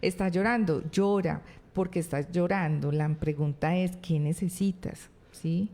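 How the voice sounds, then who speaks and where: Mellow-voiced Colombian woman explaining calmly. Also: lowish voice, measured pace. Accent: Colombian Spanish. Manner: explanatory, acts out child and parent voices, frequent tag questions. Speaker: psychologist guest. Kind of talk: explaining parenting advice on a talk show.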